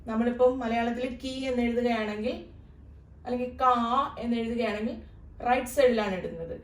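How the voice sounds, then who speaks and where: Distant, echoey woman tutor. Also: a little high. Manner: patient, repeats key sounds slowly. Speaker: Arabic tutor. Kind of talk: teaching lesson.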